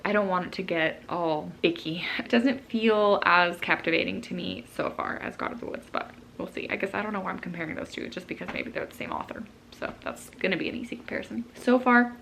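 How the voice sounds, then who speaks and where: Gravelly-voiced woman chatting in a vlog. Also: on the low side, slight background noise, low-quality recording. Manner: rambling and conversational, with frequent "like". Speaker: book vlogger and library worker. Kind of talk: casual chatty vlog talk. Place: at home.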